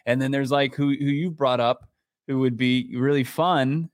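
Male co-host, middle pitch, casual musing sports talk, dry sound. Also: fairly even intonation, moderate pace, no room sound. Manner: thinking aloud, restarts, hedging. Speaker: podcast co-host. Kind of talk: casual sports podcast chat.

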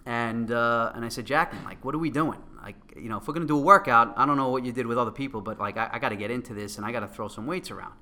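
A middle-aged man speaks with a Queens, New York accent and a bright, punchy voice. He tells his story casually and excitably, acting out what each person said as he goes. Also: medium pitch, racing, hardly any pauses. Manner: animated, excitable storytelling with acted-out quotes. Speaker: guest, company co-founder. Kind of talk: casual anecdote telling.

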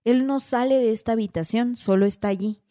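A woman doing a calm young man who senses spirits. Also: very high voice, a little fast.

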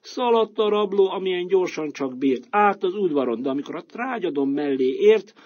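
Husky man telling a bedtime tale. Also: high voice. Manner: expressive, lively storytelling. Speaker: storyteller. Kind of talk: children's storybook narration. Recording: dull lo-fi recording.

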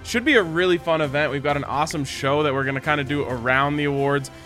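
A man moderates a casual sports panel. His voice is on the high side for a man and notably bright and forceful. He talks straight to the audience as host. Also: fast, faint music behind.

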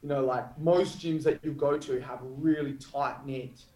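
An Australian Muay Thai fighter appears as a podcast guest, chatting in a casual, slangy, matey way. His voice is medium-pitched, steady and warm at a measured pace, and the recording sounds roomy and echoing.

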